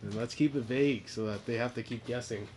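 A man's voice: medium pitch, brisk, darkish tone, slight background noise. A young man co-hosting a casual podcast from his bedroom, joking and laughing often. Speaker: podcast co-host. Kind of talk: casual chat.

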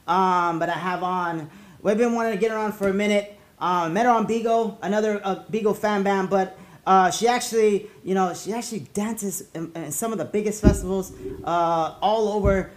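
High-voiced man hosting in casual slang. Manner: rambling, halting, with party slang. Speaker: podcast host and party hype man. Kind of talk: casual, slangy host chat.

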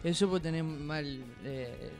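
A man's voice: a little high, slow pace, gravelly, faint music behind. A man co-hosting a podcast, needling his friend in playful banter. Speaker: podcast co-host. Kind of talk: casual joking chat. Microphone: studio podcast microphone.

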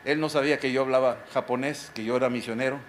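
A middle-aged pastor from Mexico, preaching a sermon emphatically and throwing rhetorical questions at the listener. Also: male voice, medium pitch, steady tone, fast, slight background noise.

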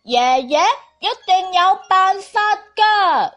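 Lady doing a trusting little cantonese boy in a storybook, really high singsong voice, emphatic. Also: expressive, slow pace, fairly bright tone, lo-fi sound, faint music behind, heavily acted. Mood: confident.

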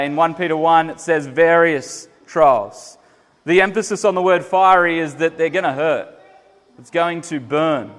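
An earnest male preacher delivering a sermon, his fairly high voice rising for emphasis and sinking low for the quieter points. The long reverb of a large hall trails after every phrase. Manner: earnest, emphatic, swells louder then drops soft.

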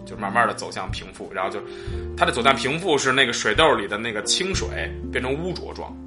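A man's voice: medium pitch, quick pace, over music. A man hosting a podcast, telling a long personal story in casual chat, full of restarts and fillers. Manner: rambling, many restarts and "然后" fillers, animated when quoting others. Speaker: podcast host.

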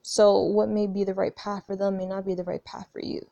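Speaking a little fast with vocal fry, this woman has a medium-pitched, level voice with a dark tone. She's a 21-year-old spiritual vlogger giving an offhand, meandering reflection on her spiritual path, swearing casually and frequently starting sentences over. The sound is lo-fi with no echo.

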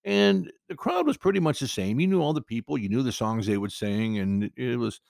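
A man's voice: medium pitch, animated, a little fast, vocal fry, darkish tone, dry recording, studio quality. A man hosting a podcast, telling a personal story in a rambling, conversational way with frequent restarts.

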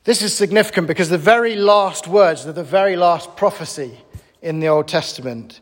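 A man preaching a sermon in an animated, conversational and emphatic way. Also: high voice, normal speed, long reverb tail.

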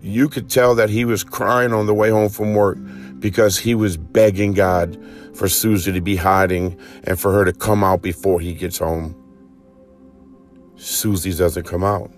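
A man preacher telling a vivid second-person story in a sermon, acting out urgent cries as it builds. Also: low-pitched.

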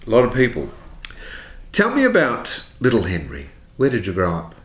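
A man's voice: medium pitch, wildly swooping pitch, normal speed. A man interviewing a guest, prompting him with short questions. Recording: echoey room with background noise.

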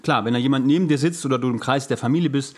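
A male podcast co-host rattles off casual chat in a rapid-fire, husky, mid-range voice. His talk is slangy and loose, with asides that trail away.

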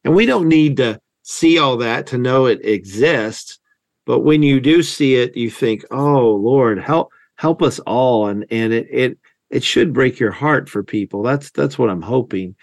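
A man's voice: mid-range voice, a little slow, vocal fry, no echo. Man talking in a dry, close sound. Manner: animated storyteller, acts out quoted lines. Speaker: podcast host. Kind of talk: casual conversational discussion.

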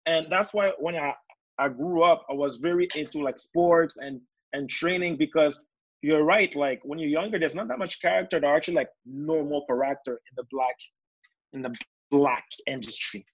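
On a dull, dry video call, a panelist in his thirties who didn't grow up with English muses casually, his speech full of fillers and repetitions. He talks at a moderate pace in a slightly high, husky voice.

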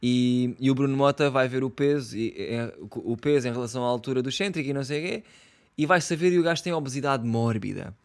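A man's voice: mid-range voice, quick pace. A young man with a European Portuguese accent, ranting casually in slangy, swear-filled talk with lots of fillers. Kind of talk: casual rant.

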